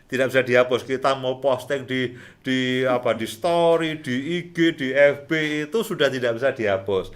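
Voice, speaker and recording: A middle-aged man hosting a relaxed talk on marriage, chatty and repeating his points with frequent chuckles. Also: mid-range voice, normal speed. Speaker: host, marriage counselor.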